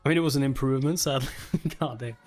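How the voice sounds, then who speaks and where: Over background music, a man reads a webtoon aloud on a livestream, reacting to it, talking with his viewers and tossing out casual curses. His voice is mid-range and somewhat dark, and he talks fast.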